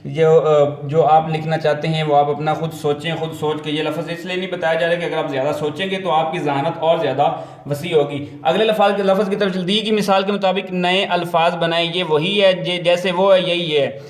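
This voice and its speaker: A man teaching a first-grade reading lesson to parents and tutors, with a Pakistani accent. He explains patiently, repeats himself, and sounds out letters slowly. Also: a little high, steady tone, echoey room.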